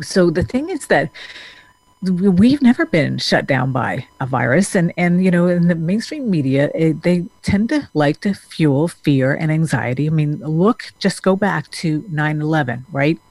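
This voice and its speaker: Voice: medium pitch, dry recording. Earnest, rambling therapist from Denmark. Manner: earnest, rambling, with frequent restarts and fillers. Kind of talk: casual talking-head monologue.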